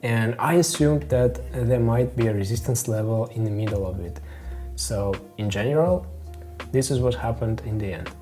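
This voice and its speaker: A man's voice: medium pitch, normal speed, dark tone, soft background music. A man with a Russian accent, hosting a trading channel and explaining his trades step by step in a methodical voice-over. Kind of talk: screen-recorded trading walkthrough.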